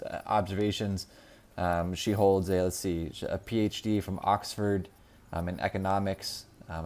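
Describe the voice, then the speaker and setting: A man's voice: sits low, a little mellow. A man in his thirties giving a casual, unscripted book review, with many ums and restarts. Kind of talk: casual solo video review.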